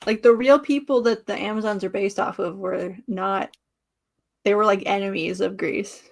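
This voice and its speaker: A woman chatting casually on a group podcast, her voice sitting in a middle pitch. She laughs often and slips into mocking voices while telling a story. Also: fairly even intonation, moderate pace, gravelly. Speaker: podcast co-host.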